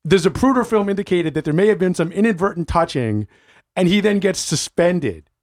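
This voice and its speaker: A man co-hosting a casual sports talk show, animated and mock-outraged, often laughing. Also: high voice, brisk. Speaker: co-host.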